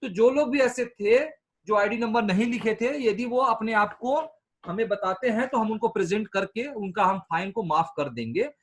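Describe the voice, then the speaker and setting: A man's voice: high-pitched, normal speed. A man leading an online staff training meeting, explaining patiently and repeating points for everyone. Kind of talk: instructing over a call.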